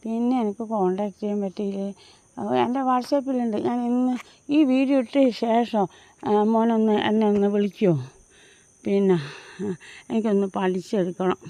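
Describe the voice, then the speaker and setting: Here the same Mahe vlogger and home tutor in her fifties sounds mid-range and steady, with a dark tone, moderate pace and long pauses, and the audio has no room sound. Out on her early-morning walk, she chats loosely to her phone in her Mahe Malayalam accent, full of fillers and false starts.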